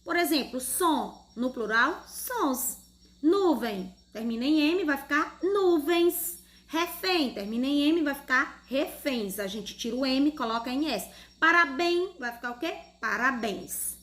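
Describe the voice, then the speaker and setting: Patient Brazilian teacher, higher voice. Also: female voice, expressive, measured pace, a bit bright. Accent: Brazilian Portuguese. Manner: patient, explains step by step, asks questions. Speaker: primary school teacher. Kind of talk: online grammar lesson for children.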